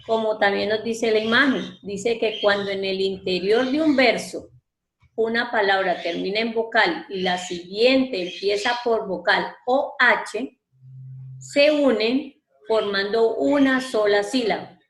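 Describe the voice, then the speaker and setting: A woman's voice: medium pitch, unhurried, a bit bright, reverberant, low-quality recording. A woman teacher giving an online lesson, patiently explaining verse step by step and stretching out syllables as she counts them. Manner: patient, step-by-step, addresses student formally. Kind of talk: online class explaining poetry.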